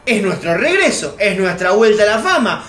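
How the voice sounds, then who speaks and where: Argentine man retelling a plot, high voice. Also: very animated, moderate pace, a bit bright, roomy sound. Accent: Argentine Spanish. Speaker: podcast co-host. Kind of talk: casual chat.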